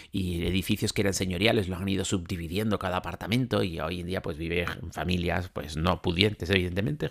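Hombre de voz grave y rasposa. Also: male voice, sits low. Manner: chatty, rambling, many fillers and restarts. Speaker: travel vlogger. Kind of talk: casual travel talk to camera.

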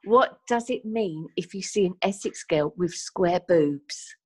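A woman's voice: on the low side, unhurried, breathy edge. A middle-aged or older woman chatting casually as a podcast guest. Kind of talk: casual chat.

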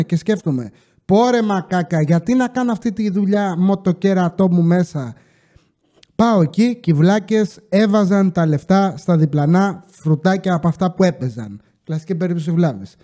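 A man telling comic stories from his casino job in a loose, slangy, joking way, with coughs and quick asides. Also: sits high, warm tone. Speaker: podcast host telling casino work stories. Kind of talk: casual storytelling monologue.

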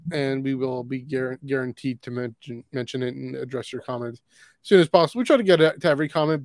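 A man's voice: mid-range voice, darkish tone, no room sound, studio quality. A man from Canada co-hosting a live podcast in casual chat, rambling through plugs and correcting himself as he goes. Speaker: podcast co-host.

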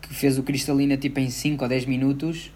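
A man's voice: medium pitch, flat delivery, fast talker, a little mellow. A young man chatting casually as an interviewer, using plenty of slang and fillers. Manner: slangy, full of filler words. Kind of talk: casual chat.

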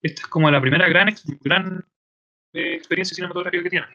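A Chilean man hosting a casual film podcast with a bright, sharp voice. He chats loosely and trails off in hesitations. The recording is dry and slightly dull. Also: high-pitched, fairly even intonation, fast talker, no echo. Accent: Chilean Spanish. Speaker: podcast host.

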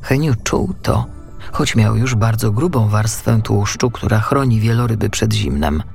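A man narrating a children's storybook in an expressive reading style. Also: lowish voice, measured pace, creaky, soft background music.

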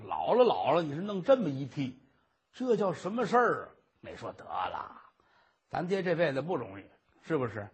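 A man doing a grumbling husky grown son. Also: fairly high pitch, big pitch swings, moderate pace, a little mellow, heavily acted.

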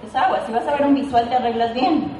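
Woman, sales trainer, chatty, fairly high voice, very echoey room, mic at a distance. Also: fast, dark tone, a faint crowd, a little hiss or hum. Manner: chatty, asks "¿ok?" often, playful asides. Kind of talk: informal training talk.

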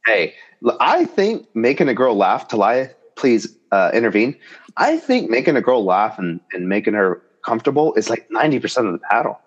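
Animated joking man telling a story. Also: brisk, husky. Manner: animated and joking, with big pitch jumps. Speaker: podcast host telling a dating story. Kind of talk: casual storytelling chat. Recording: slightly dull, lo-fi sound.

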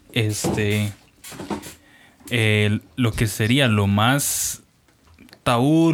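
A man with a Costa Rican accent, chatting casually and tossing out quick jokes. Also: medium pitch, slight background noise. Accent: Costa Rican Spanish. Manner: joking, quick one-liners. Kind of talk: casual chat among friends.

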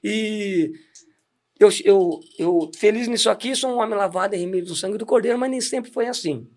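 A middle-aged deacon tells his story in a casual, chatty way. His voice sits high for a man, and he laughs often and restarts his sentences. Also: moderate pace, a little mellow. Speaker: deacon giving testimony. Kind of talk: casual testimony chat.

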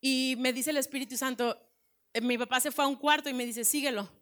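Her voice sits high with fairly even intonation and a fairly bright tone, running a little fast. She's a woman pastor in her thirties with a Mexican Spanish accent, earnestly sharing her testimony at a church breakfast event in a conversational sermon full of restarts.

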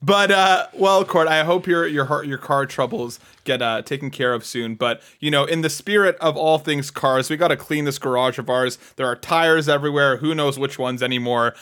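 A man's voice: medium pitch, steady tone, normal speed, hardly any pauses, fairly bright tone. A man co-hosting a gaming podcast, joking around and reassuring his co-host in casual chat.

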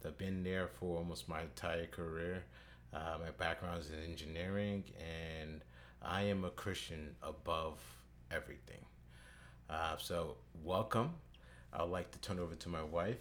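A man in his thirties hosting a podcast, speaking earnestly and at a measured pace with filler "uh"s. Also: sits low, slight background noise. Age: 30s. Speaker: podcast host. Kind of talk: podcast introduction.

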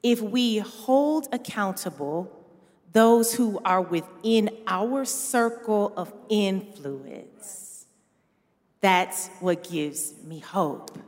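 A woman speaking as a guest on a church panel, measured and deliberate. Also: mid-range voice, animated, darkish tone. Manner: measured, builds to passionate. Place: church sanctuary. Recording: long reverb of a church hall.

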